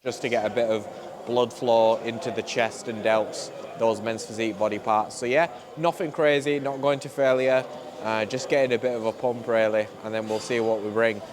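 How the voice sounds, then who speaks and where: A man's voice: mid-range voice, steady tone, normal speed, background noise. A young man talking casually as a bodybuilding vlogger and posing coach, chatty and laid-back with lots of fillers. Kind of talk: casual vlog talk. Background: music.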